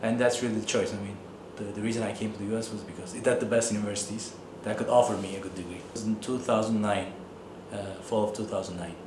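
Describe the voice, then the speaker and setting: A man's voice: on the low side, steady tone, quick pace, hardly any pauses, echoey room, noisy background. A man in his thirties from Turkey with a Turkish accent, an economics professor answering interview questions thoughtfully, with many fillers.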